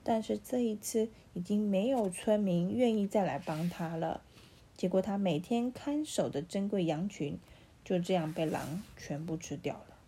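A woman reading fables aloud at bedtime, gentle and animated. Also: mid-range voice, normal speed, slight background noise. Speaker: parent reading bedtime stories.

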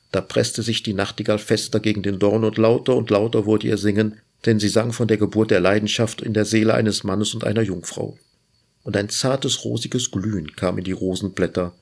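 Gravelly low-voiced man reading a fairy tale. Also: darkish tone. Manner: measured, lyrical reading. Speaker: host reading literature. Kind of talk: storybook reading.

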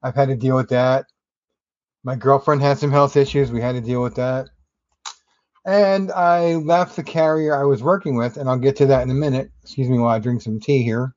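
A man's voice: medium pitch, fairly even intonation, moderate pace, a little mellow, dry recording, lo-fi sound. A man hosting a solo podcast, talking in a casual, rambling, conversational way with wry asides. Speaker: podcast host.

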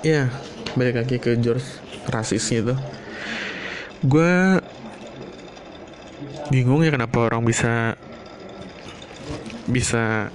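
A man, talking in a loose solo monologue at home, rambling and swearing casually. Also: medium pitch. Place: home room, not a studio.

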